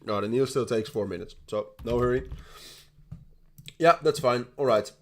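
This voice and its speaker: With a fairly bright, mid-range voice at normal speed, this crypto livestream host from the Netherlands chats casually during trading. His Dutch accent comes through as he rambles, laughs a lot, starts over again and again, and swears here and there.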